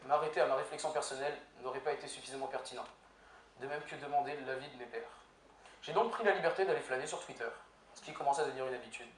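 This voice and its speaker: A young man, a law student, giving a prepared humorous speech in an eloquence contest, with deadpan, ironic punchlines. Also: mid-range voice. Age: young adult. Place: university lecture hall with audience. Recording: echoey hall, far from mic, faint noise.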